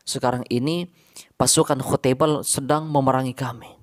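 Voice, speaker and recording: A man's voice: mid-range voice, fairly even intonation, normal speed, close to an everyday voice. A man doing an earnest young foreign seeker. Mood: pleading.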